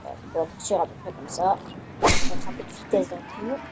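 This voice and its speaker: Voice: mid-range voice, fast talker. Casual gamer thinking aloud, noisy recording. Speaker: gaming video host. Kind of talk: casual let's-play commentary, thinking aloud.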